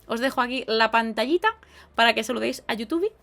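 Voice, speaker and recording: A woman with a Spain Spanish accent talks through a live podcast in a slightly high voice. She is chatty and expressive, with lively exclamations as she reads out viewer comments. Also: quick pace, vocal fry. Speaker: podcast host and streamer.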